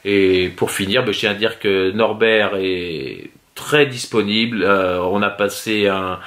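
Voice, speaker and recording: Lower-pitched man in casual vlog chat. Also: measured pace, a bit bright. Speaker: father in a family vlog.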